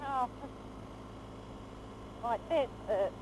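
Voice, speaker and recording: A woman's voice: fairly high pitch, very slow, a little mellow. A woman with a broad New Zealand accent chatting casually and playfully in slang, often repeating her phrases. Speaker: motorbike travel vlogger, passenger. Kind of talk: casual chat. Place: outdoors on a moving motorbike. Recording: noisy vehicle ride, motorbike helmet audio. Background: engine and road noise.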